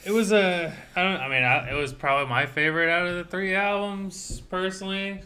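A young man in casual chat as a podcast co-host, tipsy after a few beers, laid-back and quick to defend himself. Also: high voice, sharp tone, roomy sound.

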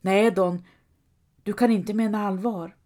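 A woman reading a gloomy, reluctant squire who keeps complaining about his lot. his voice is mellow and soft-toned. it sounds like a storybook read aloud. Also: mid-range voice, steady tone, natural voice. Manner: plaintive, complaining. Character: gloomy downcast male squire, weary and reluctant.

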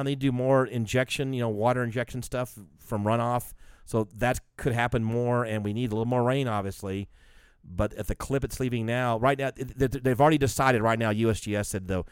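A man's voice: medium pitch, brisk, smooth, no room sound, clean studio sound. A man in casual conversation who rambles and swears freely. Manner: rambling, profane, animated. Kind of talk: casual chat.

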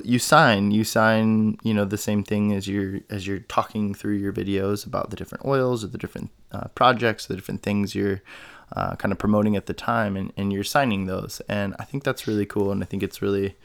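A man's voice: fairly low pitch, steady tone, moderate pace, vocal fry, clean tone. A man hosting a podcast, chatting casually with a guest and often restarting his sentences. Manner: chatty, rambling with many restarts. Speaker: podcast host. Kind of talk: casual interview chat.

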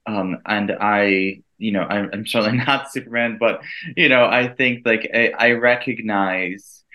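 A man in his thirties, a native Italian speaker raised in the United States, appears as an interview guest; he's an event co-director and teacher. In this casual conversation he's earnest and reflective, laughing lightly. His voice is on the low side, fairly even and unhurried, and the sound is lo-fi.

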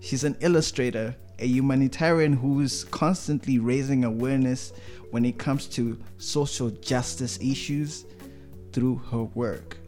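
A man hosting a casual podcast interview, talking in a relaxed way with fillers and quick affirmations. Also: mid-range voice, soft background music. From Africa. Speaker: podcast host.

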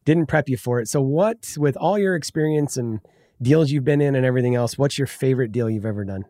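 A man hosts a relaxed interview podcast, mostly answering with brief upbeat affirmations before he asks the next question. His voice sits at an ordinary pitch for a man. The sound is dry and close to the mic. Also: fairly quick, no room sound. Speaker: podcast host. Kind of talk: casual interview.

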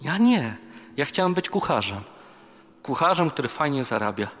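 A man's voice: on the high side, sing-song, moderate pace, a bit bright. A man, a priest, giving a conversational youth retreat sermon, mixing scripture with self-deprecating personal stories in a large chapel hall. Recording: reverberant hall with faint music.

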